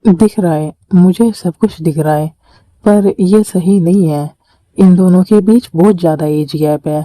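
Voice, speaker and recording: A woman's voice: on the low side, measured pace, mellow, dry recording, close to an everyday voice, low-quality recording. A woman voicing a stern, protective older brother in a fan-made dubbed drama. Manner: scolding, protective.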